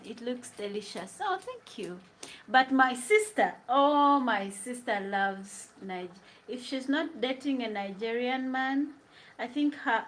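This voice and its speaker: In her home kitchen, a young vlogger with a Ugandan accent cooks and casually answers live comments, reading viewers' questions aloud. She's chatty, quick to laugh and drifts between English and Luganda. Her voice is fairly high and fairly bright, with a little hiss or hum on the recording.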